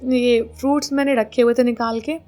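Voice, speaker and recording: A woman voicing a practical young wife and mother who briskly organizes the move and gently insists on getting things done. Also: on the high side, fairly even intonation, faint music behind, close to an everyday voice.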